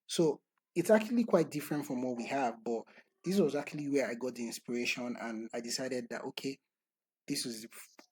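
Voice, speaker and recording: A man talking through a screen-recorded software tutorial step by step, in a methodical way. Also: medium pitch, breathy edge, no echo, low-quality recording. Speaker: tutorial instructor.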